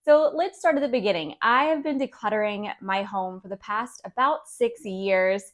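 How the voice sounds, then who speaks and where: A woman's voice: mid-range voice, moderate pace. A woman in her thirties hosting a decluttering vlog, talking in a friendly, encouraging way with light laughs. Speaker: decluttering channel host. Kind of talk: casual instructional vlog talk.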